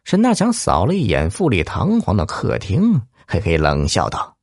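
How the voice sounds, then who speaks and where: A man's voice: on the low side, huge pitch swings, moderate pace, darkish tone, no echo, clean studio sound. A man telling a dramatic story in a theatrical way, with rhetorical questions and exclamations.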